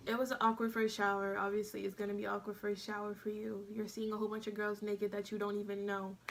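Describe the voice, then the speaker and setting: A woman's voice: mid-range voice, completely flat delivery, fast, vocal fry. A young woman vlogger telling her own story in a chatty way, speaking straight to her viewers and giving them tips. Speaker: vlogger recounting basic training. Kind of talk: casual storytelling vlog.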